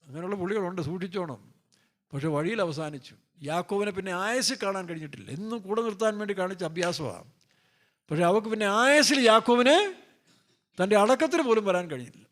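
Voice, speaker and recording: A man's voice: high-pitched, lively intonation, fast, fairly bright tone. A male pastor preaching a sermon in a loose, joking way, firing off rhetorical questions and playfully acting out scripture characters.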